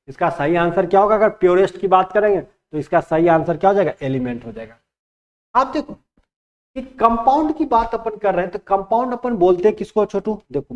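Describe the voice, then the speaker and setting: A man with a high-pitched voice teaches chemistry in Hindi and switches into English terms. He keeps asking the class questions and then answers them himself. The recording sounds dull and lo-fi. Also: a little mellow. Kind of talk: classroom lecture.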